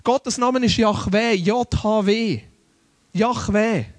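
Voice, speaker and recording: High-voiced preacher man, dry sound. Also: extremely slow, no echo. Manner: earnest, conversational preaching with rhetorical questions. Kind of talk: sermon.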